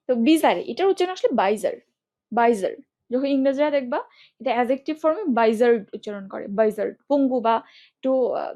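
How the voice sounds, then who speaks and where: Chatty woman teaching spelling, high voice. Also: darkish tone. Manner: chatty, playful mnemonics, quizzing students. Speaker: English teacher. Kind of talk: online spelling class.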